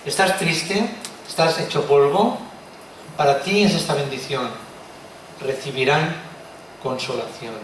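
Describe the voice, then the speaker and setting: A man preaching a sermon, expressive and full of rhetorical questions. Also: a little high, measured pace, long pauses. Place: church hall. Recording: echoey room from far off, faint noise.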